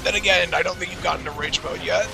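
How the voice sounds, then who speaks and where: A man with a hoarse, raspy voice chatting casually and self-deprecatingly as he comments on his own gameplay. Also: high voice, fast talker, over music. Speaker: gaming video creator.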